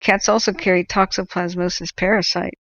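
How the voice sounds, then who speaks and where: A woman's voice: on the low side, steady tone, moderate pace, fairly bright tone, no echo, muffled recording. A woman hosting a livestream, chatting casually and explaining things to viewers in an opinionated, emphatic way. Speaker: livestream host.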